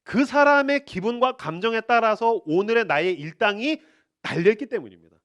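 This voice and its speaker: A man's voice: high voice, lively intonation, moderate pace, a bit bright. A male pastor preaching a sermon in an emphatic way, repeating phrases for force. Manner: emphatic, acts out quotes.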